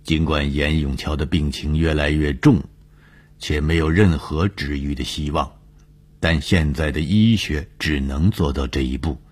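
A man narrating a broadcast story in a measured, dramatic way. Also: a bass voice, slightly rough.

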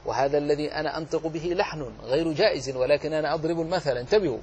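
A man teaching the rules of Quran recitation, explaining slowly, drawing out example words and asking and answering his own questions. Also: on the high side, a little mellow, slight background noise. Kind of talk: tajweed lesson.

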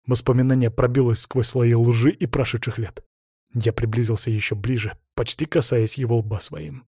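A man narrating a first-person audiobook story in a measured, intense way. His voice is dark and husky, and it sits close and dry with no room sound around it. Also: mid-range voice, fairly even intonation, no room sound.

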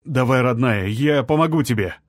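A man's voice: medium pitch, normal speed, no room sound, clean studio sound, natural voice. A man voicing a desperate young husband who begs a stranger for help, his voice strained and rising. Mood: anxious.

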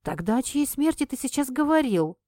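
A woman reading an audiobook and voicing an impulsive, sharp-tongued young heroine in a raised, emphatic voice. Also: big pitch swings, fairly quick, no room sound, clean studio sound. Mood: emphatic, stubborn. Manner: emphatic, higher and livelier than the narration.

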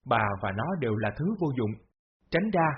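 A man's voice: mid-range voice, animated, normal speed, slightly rough, pitched below the performer's own voice. A man reading the lines of a harsh, scheming middle-aged father who barks curt orders. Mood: furious. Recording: dull lo-fi audio.

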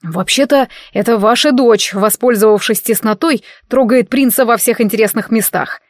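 A woman's voice: a little high, moderate pace, dry recording, clean studio sound, lightly acted. Woman voicing a curt, irritable young prince. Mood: languid. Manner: curt and snapping.

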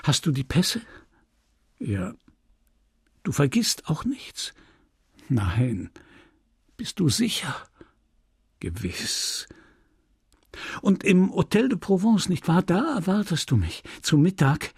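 A man's voice: a little high, very animated, takes it slowly, a little mellow, no room sound, clean studio sound, voice pushed up, full character voice. A man voicing a passionate, tearful young woman in a read novel, pleading and intense. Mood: anxious. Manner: intense, pleading, breathy at times.

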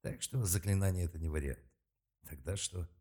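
A man narrating an audiobook in a steady, measured reading voice. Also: deep voice, slightly rough. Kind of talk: scripted narration.

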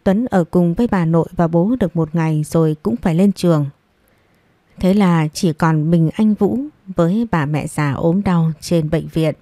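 A woman reading a family story aloud in an even storytelling manner. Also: fairly low pitch, normal speed, no echo. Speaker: story narrator. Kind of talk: scripted narration.

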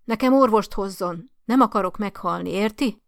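A furious old woman of ninety-four, put on by a woman reading a storybook, gasps for air between demands and scolds loudly. Her voice is gravelly and rough, and it sounds close and dry. She wants help and she wants it now. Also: mid-range voice, no echo, close to an everyday voice. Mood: indignant, demanding. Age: older. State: out of breath. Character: dying, indignant 94-year-old woman.

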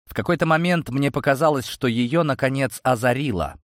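A man narrating a science-fiction audiobook in first person, measured and steady. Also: medium pitch, no room sound, studio quality.

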